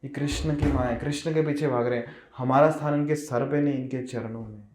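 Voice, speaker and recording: A man's voice: mid-range voice, fairly even intonation, brisk, a little mellow, slight background noise, close to an everyday voice. Solemn little talking flowers, a guy doing them in a sermon story, echoey. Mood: reverent. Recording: roomy echo.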